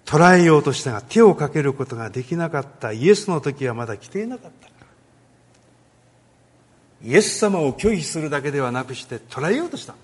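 A man giving a sermon on a Bible passage, talking in a lively way with many pauses and filler words. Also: a little high, husky. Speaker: pastor.

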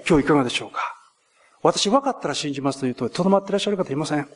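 A male pastor preaching a sermon in an earnest way, rising to emphatic peaks and slowing for key points. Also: a little high, animated.

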